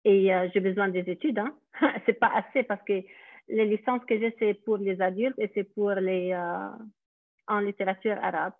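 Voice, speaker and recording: A woman's voice: medium pitch, steady tone, moderate pace, no echo. A middle-aged Lebanese woman with an Arabic-accented voice, giving a hesitant personal testimony on a webinar with many fillers. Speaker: daycare centre director. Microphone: video call. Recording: tinny phone-like video call audio.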